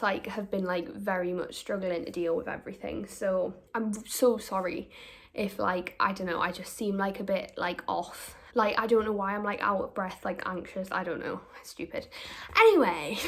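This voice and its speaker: A young woman chatting casually to camera in a living room she is painting, full of fillers and casual swearing. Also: mid-range voice. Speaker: vlogger.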